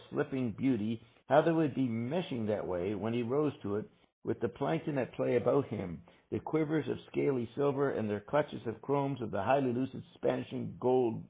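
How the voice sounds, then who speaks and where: Male book-group reader, deliberate delivery, rough husky voice, narrow-band call sound. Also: mid-range voice. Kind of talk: reading dense literary prose aloud with discussion.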